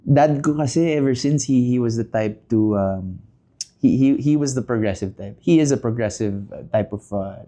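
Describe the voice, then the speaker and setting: A Filipino man in his thirties, a podcast guest speaking casually and in measured phrases with frequent pauses, mixing Tagalog into English. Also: medium pitch, mellow. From Philippines. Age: 30s. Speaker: podcast guest, business leader. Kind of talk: casual interview talk.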